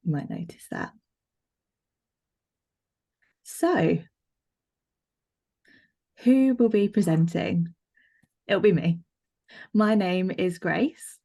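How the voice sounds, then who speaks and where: Woman, sign language interpreter, live interpretation voice-over, first-person, lowish voice, mellow, fillers and restarts, video call. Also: animated, slow, pauses often. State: voicing a signed presentation as a live interpretation voice-over. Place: online video meeting.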